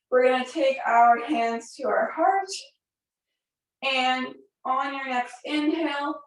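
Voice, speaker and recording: A woman's voice: on the high side, recorded from a distance. A woman teaching a guided yoga workshop in a casual, chatty way with frequent fillers, counting out movements as she leads.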